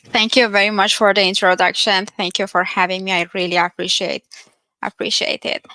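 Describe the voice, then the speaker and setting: A woman's voice: mid-range voice, flat delivery, a little fast, bright, forceful tone, no room sound. A woman from Iran with an Iranian accent, a research scientist giving an earnest technical talk at a virtual developer event, with frequent fillers. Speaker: conference speaker, research scientist. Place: home, via video call.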